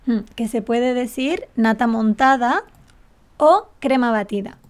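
A woman's voice: a little high, unhurried. A woman co-hosting a casual podcast, explaining words patiently and laughing often. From Canary Islands. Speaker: podcast co-host and Spanish teacher. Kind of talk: casual chat.

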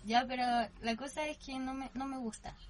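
A woman's voice: high voice, steady tone, moderate pace. A young woman co-hosting a casual podcast, protesting emphatically and exclaiming her dislikes. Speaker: podcast co-host. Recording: noticeable background hiss.

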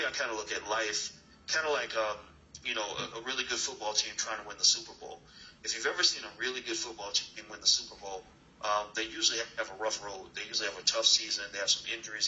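A man hosts an online class over a video call, speaking earnestly and motivationally with plenty of fillers and restarts. His voice sits a bit low but comes across very bright and forceful. The call audio is dull and lo-fi, with a faint hiss of background noise. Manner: earnest, rambling with many fillers. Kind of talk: motivational talk and interview. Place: new location, dim room.

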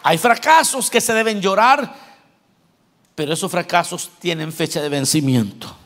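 During his sermon, a male pastor moves between loud exhortation and quiet jokes aside to the congregation. His voice is high-pitched and his speed is normal.

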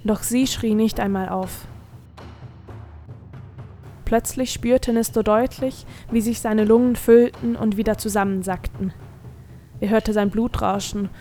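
A woman reading a fantasy story aloud as narrator, in a measured, expressive storytelling manner. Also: medium pitch. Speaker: audiobook narrator. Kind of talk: scripted narration.

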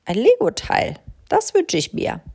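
Here is a self-centered storybook crow, pitched high and loud with a jumpy, swooping delivery. She whines and hurries through her words, as a woman reading the tale puts her on. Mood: eager. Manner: excitable, whiny and hurried.

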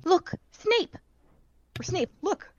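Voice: medium pitch, animated, measured pace, dry recording, muffled recording. A reader voicing a clever, bossy schoolgirl who speaks in a raised, breathless voice during an audiobook-style reading. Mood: urgent.

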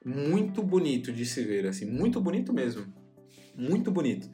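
A man's voice: mid-range voice, big pitch swings, brisk, warm tone, faint music behind. Chatty young man, self-mocking. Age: young adult. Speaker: podcast host. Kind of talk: casual monologue.

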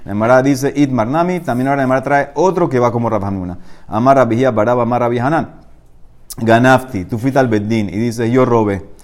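A man teaching a Talmud class, reading the Aramaic text aloud and then explaining it, growing louder and higher when he argues a point. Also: a little fast.

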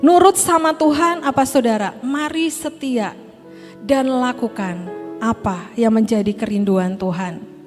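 Woman pastor, middle-aged, high voice, conversational sermon, long hall reverb, soft music underneath. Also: unhurried. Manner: conversational preaching, often addressing listeners as brothers and sisters. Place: church hall.

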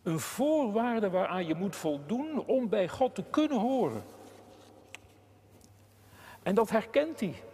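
A man preaching a sermon slowly and deliberately, with long pauses and passionate emphasis. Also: high voice, a little mellow, long reverb tail. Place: church.

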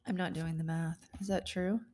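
Woman, forties, podcast co-host, casual chat, dry deadpan teasing, lowish voice. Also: moderate pace.

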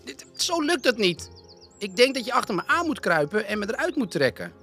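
A man voicing a small excitable girl bear cub who squeals and dramatizes. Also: very high voice, a little fast, faint music behind, pitched above the performer's own voice, full character voice. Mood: panicked.

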